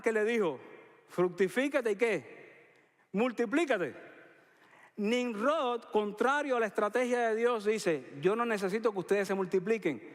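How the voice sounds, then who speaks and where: A man from Cuba with a Cuban Spanish accent, preaching a sermon, emphatic and storytelling, slowing down on key words. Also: high-pitched, long reverb tail.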